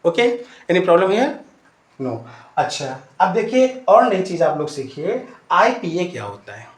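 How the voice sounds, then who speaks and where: This is a man giving an English lesson in an echoey room. His voice sits high. He fires questions at the class, answers them himself, and keeps repeating the key points. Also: sing-song, a little slow. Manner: addresses students fondly. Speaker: English teacher.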